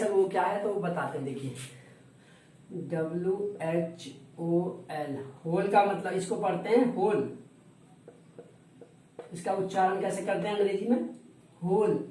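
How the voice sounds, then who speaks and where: A man's voice: high voice, warm tone. Male teacher spelling words, echoey room. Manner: repeats words slowly, spells them letter by letter. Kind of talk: classroom lesson. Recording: roomy echo, distant from the mic, faint noise.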